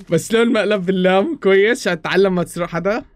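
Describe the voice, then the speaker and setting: A man's voice: high-pitched, dry recording. A man hosting casual gameplay chat over voice chat, pleading, swearing oaths and laughing a lot. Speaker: gaming channel host.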